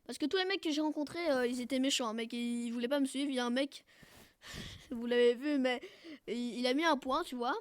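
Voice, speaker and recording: A woman giving casual, jokey gameplay commentary who keeps bursting into loud shouts and cries. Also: high voice, a little fast, dry recording. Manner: jokey, self-mocking. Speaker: gaming video creator.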